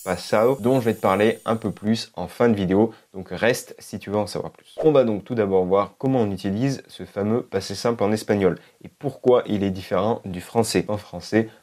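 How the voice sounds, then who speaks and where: A man teaching an online language lesson, explaining step by step and repeating each example slowly. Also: on the low side, darkish tone. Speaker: Spanish teacher.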